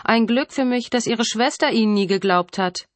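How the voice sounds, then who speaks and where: A woman's voice: on the high side, normal speed, dry recording, voice pushed up, natural voice. A woman voicing a grown male killer who sneers and taunts, savoring his power, in a dry, close reading. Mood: taunting.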